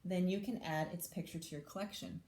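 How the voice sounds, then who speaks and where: Recorded in a room with noticeable echo, a woman teacher reads a picture book to children and adds easy explanations and questions for them. Her voice is fairly low and a little mellow, with fairly flat intonation and a fairly quick pace.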